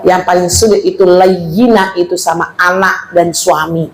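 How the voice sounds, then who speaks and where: Loud, big-voiced woman teaching religion. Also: on the low side, flat delivery, normal speed, very noisy. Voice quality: big, powerful voice. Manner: loud, playful, acts out quoted speech. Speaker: female Islamic teacher. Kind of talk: lively religious study talk to women.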